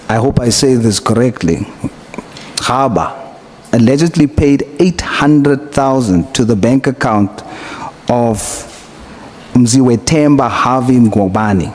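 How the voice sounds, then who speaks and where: A South African man formally questioning a witness at a hearing, in a deliberate, probing way. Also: mid-range voice, darkish tone. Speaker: committee member questioning a witness. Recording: noisy hearing room ambience.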